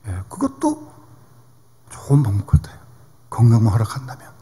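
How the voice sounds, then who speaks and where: A man's voice: on the low side, huge pitch swings, moderate pace, dark tone, slightly rough. A male pastor preaching a sermon in a conversational way, often asking the congregation questions. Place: church sanctuary. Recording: reverberant church hall.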